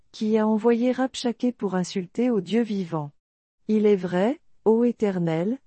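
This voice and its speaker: A devout king pours out a prayer, as a woman reads it. Her voice is mellow and warm, recorded dry and close. The reading is solemn and measured. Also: medium pitch, no echo, close to an everyday voice.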